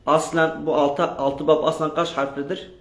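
A man's voice: on the high side, little pitch movement, normal speed, a bit bright. A man teaching a grammar lesson, drilling his students with questions and repeating their answers. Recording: echoey room.

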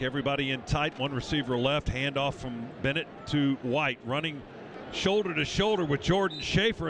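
A man calling American football as a radio play-by-play announcer, in clipped, vivid running phrases. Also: on the high side. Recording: stadium radio broadcast, clear background noise.

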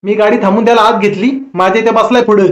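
A man's voice: sits high, steady tone, fast talker, natural voice. A man doing a matter-of-fact bus passenger. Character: plain-talking male passenger. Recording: roomy echo.

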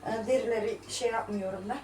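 A high-pitched woman in her thirties chats through a home cooking video and mocks her critics with laughs. Her voice sits a little away from the phone, in an echoey kitchen with faint room noise behind her. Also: steady tone, fast, darkish tone, far from the mic. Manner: chatty, scolding and mocking critics with laughs. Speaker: vlogger. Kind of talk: casual cooking vlog, talking to viewers.

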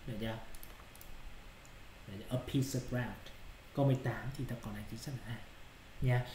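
A man's voice: a little high, a little hiss or hum. Vietnamese man teaching English, echoey room. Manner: repeats checking questions to students. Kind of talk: explaining exercise answers.

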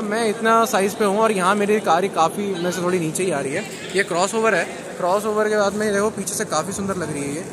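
Speaking in a high-sitting voice, a man strolls around new cars at a crowded indoor auto expo, chatting informally with his audience and calling them brother. Loud crowd sounds from the hall make the background noisy.

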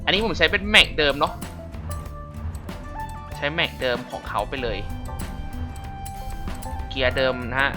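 A man giving casual racing game commentary, chatty and polite as he explains, then bursting into loud excited exclamations. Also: on the high side, measured pace, long pauses. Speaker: gameplay commentator. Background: racing game music.

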